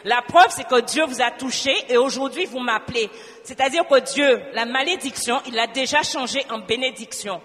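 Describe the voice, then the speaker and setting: Give me a woman giving an animated church testimony, echoing in a big hall. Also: high voice, normal speed. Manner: animated storytelling, acting out both sides of a dialogue. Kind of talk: spoken testimony.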